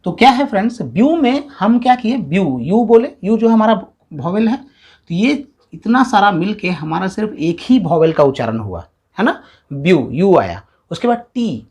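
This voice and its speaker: A man gives a step-by-step video grammar lesson. His pitch swings widely as he talks, and he drags out syllables to sound them out. He often checks in with his listeners. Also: a little mellow, slightly rough. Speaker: English grammar teacher. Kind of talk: classroom-style video lesson.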